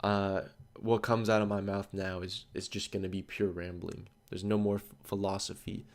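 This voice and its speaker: This study streamer, a man in his twenties, talks in a low voice with little pitch movement at a moderate pace. His casual livestream chat wanders between stories, full of filler "like"s.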